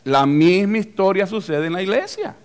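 This high-voiced male pastor gives a lively church sermon at a normal speed, his tone clear and resonant. His delivery is animated as he acts out little scenes and calls questions to the congregation.

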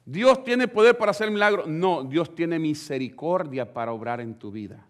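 A male pastor preaching a fervent sermon to his congregation, swinging between loud and hushed lines. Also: fairly high pitch, animated, normal speed. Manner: addresses the congregation directly.

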